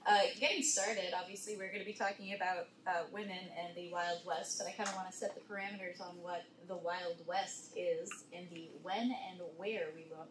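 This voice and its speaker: A woman's voice: on the low side, steady tone, fairly quick, hardly any pauses. A woman casually moderating a panel discussion. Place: indoor convention panel room. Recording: echoey room with clear noise.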